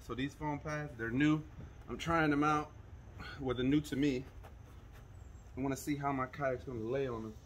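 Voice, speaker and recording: A young fishing channel host gives a casual how-to demonstration outdoors in a suburban driveway, speaking directly to viewers in a relaxed, instructive way at an everyday mid pitch. He talks at normal speed and pauses often. A camera mic drifts nearer and farther from him, with a faint hiss of outdoor noise behind.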